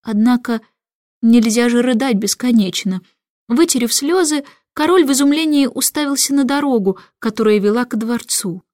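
A woman reads a children's storybook aloud with a lively, expressive delivery. Her voice is fairly high, and the dry, close recording has no room echo. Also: moderate pace. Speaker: reader. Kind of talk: storybook narration.

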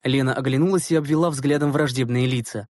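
A man narrating a story as an audiobook reader, in a measured storytelling manner. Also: mid-range voice, steady tone, a little mellow, dry recording, studio quality. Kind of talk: scripted narration.

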